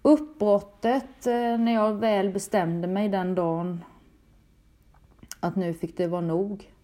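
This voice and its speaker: Swedish-speaking woman, mellow halting testimony. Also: mid-range voice, steady tone. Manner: halting, emotional retelling with repeated words. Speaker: storyteller recounting a personal experience. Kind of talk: personal testimony.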